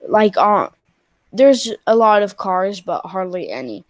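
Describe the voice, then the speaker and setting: A sing-song, unhurried, mid-range woman's voice belongs to a Spanish girl of about twelve chatting casually as a stranger on video chat. With clean studio sound and no room echo, her talk is peppered with "like" and restarts.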